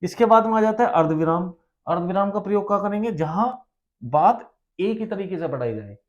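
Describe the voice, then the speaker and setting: A man's voice: sits high, animated, brisk. A man teaching a grammar lesson for exam preparation, explaining with rhetorical questions and repeating key terms. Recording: dull lo-fi sound.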